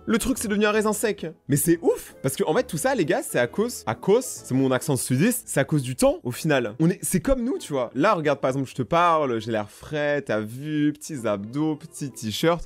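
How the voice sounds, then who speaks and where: A young man hosting a reaction video, joking and talking straight to his viewers. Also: on the high side. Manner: jokey, animated, addressing viewers directly. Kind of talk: casual reaction commentary.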